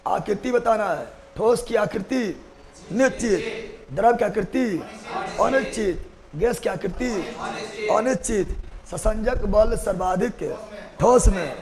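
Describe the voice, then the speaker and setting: A man's voice: high voice, slow pace, creaky, darkish tone, low-quality recording. A man teaching chemistry in a live class, repeating each answer. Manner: repeats answers in a sing-song drill, asks and answers himself. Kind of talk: live online class, call-and-response drilling.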